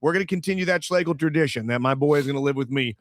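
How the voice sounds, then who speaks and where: A man hosting a podcast, telling a crude comic story in lively chat and acting out what others said. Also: fairly high pitch, racing. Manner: animated, crude jokes, acts out quotes. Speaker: podcast host. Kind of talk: casual comedic storytelling.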